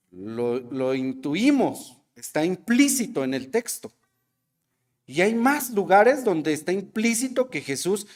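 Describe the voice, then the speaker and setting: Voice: medium pitch, a little mellow. A preacher with a Mexican Spanish accent giving a sermon at a church service, asking the congregation questions and acting out the voices of people in the story. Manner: asks the congregation questions and acts out quoted voices.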